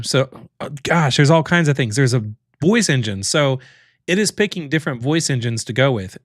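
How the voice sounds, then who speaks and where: A man's voice: medium pitch, dry recording, studio quality. A man hosting a casual livestream, thinking aloud as he clicks through a tool, with loose fillers and restarts. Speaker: livestream host demoing software.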